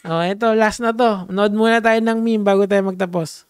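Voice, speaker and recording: A man's voice: high-pitched, fairly even intonation, moderate pace, clean tone, dry recording, clean studio sound. A man giving casual commentary, chatty and full of fillers and restarts, switching back and forth between languages. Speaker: commentary vlogger.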